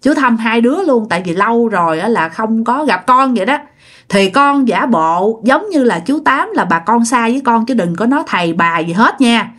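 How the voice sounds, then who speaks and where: A Southern Vietnamese woman tells a ghost story in a chatty, casual manner, packed with fillers and drawn-out pauses. Her voice sits high. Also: expressive, fairly bright tone.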